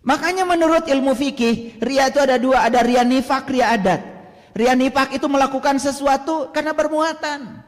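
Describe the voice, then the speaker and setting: A man with an Indonesian accent delivers a sermon in a strikingly high voice, swinging from loud bursts to near whispers. He slows to chant Arabic verses, and his words ring out with a long hall reverb. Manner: dramatic, swings from loud to hushed. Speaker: religious teacher.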